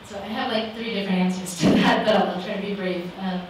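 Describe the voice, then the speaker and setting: A woman author in her forties answers audience questions on a panel in a living room before a small audience, speaking quickly with fairly even intonation at medium pitch. She is thoughtful and uses many fillers, and her handheld mic is heard as roomy sound from a distant camera amid background noise.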